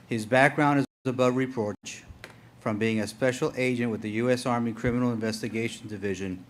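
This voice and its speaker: Male, city manager, prepared formal speech, slightly low pitch, meeting room mic, background noise. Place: indoor public meeting room.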